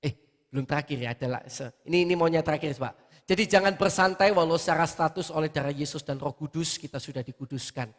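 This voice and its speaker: Animated high-voiced male pastor in reverberant hall. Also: quick pace. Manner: animated, with many rhetorical questions. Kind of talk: sermon. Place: church hall.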